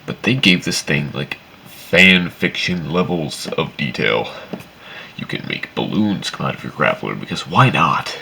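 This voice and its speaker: A man's voice: very deep voice, lively intonation, measured pace, gravelly, bright, forceful tone, a little hiss or hum. A man giving casual, opinionated game commentary in a rambling, sweary, complaining way. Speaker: video game reviewer.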